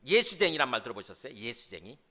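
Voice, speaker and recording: A man's voice: medium pitch, very animated, quick pace, bright, forceful tone. A man preaching a sermon as senior pastor, asking the congregation questions and acting out the voices he quotes.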